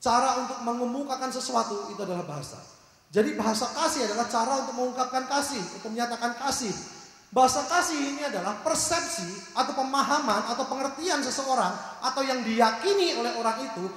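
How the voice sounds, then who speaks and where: A man's voice: very high-pitched, brisk, fairly bright tone. A man preaching a sermon, telling a story and acting out its characters, then asking his audience questions. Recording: echoey hall.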